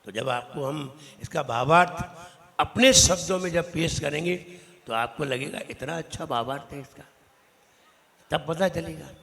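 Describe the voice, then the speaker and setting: A man, a Jain monk, teaching a recitation class in a temple hall, correcting his students' pronunciation and slowly drilling each syllable. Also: fairly high pitch, creaky, fairly bright tone. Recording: long reverberant hall.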